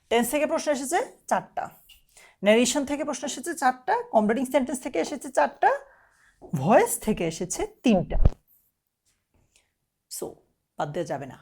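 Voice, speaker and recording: A woman's voice: a little high, a little mellow. A young woman tutor, giving a casual exam-prep lecture in a direct, coaxing way and often checking that students follow. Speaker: admission test tutor.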